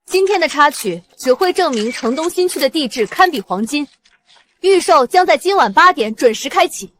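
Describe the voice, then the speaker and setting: A resolute young woman executive snaps out orders with urgency. Her voice is high and clear. She sounds steady and in command even under pressure. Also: normal speed. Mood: confident. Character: resolute young female company president, the wife.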